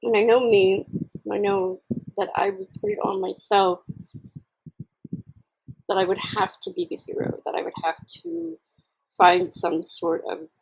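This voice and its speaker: A woman chatting candidly and casually to camera in a halting, reflective way, chewing while she talks. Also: mid-range voice, creaky, darkish tone, breathy edge, poor audio. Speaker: vlogger. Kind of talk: casual personal chat to camera while eating.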